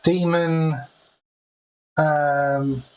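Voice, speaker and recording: A man's voice: a little high, level tone, very slow, darkish tone. A man sounding hollow and muffled, as if from the bottom of a well, through a cheap earphone mic on a call. He talks hesitantly, with many fillers and restarts, as a player in a tabletop game. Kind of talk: casual chat over a voice call.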